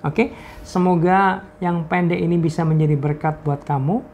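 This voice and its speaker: A man's voice: on the high side, fairly even intonation, moderate pace, a little mellow, dull audio, a little hiss or hum. A man preacher sharing a testimony, acting out quoted voices and dropping to whispers for emphasis. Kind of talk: testimony talk.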